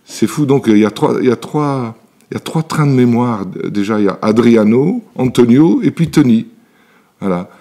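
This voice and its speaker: A man's voice: medium pitch, expressive, normal speed, mellow. A man in his seventies from Italy, telling his life story as an interview guest in his workshop, with hesitant speech full of fillers and restarts. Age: 70s. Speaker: interview guest, elixir maker. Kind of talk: relaxed personal storytelling.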